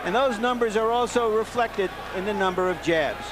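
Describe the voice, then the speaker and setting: Man, boxing colour commentator, high-pitched, wry and analytical, very noisy arena broadcast. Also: normal speed. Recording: noisy broadcast over loud arena crowd.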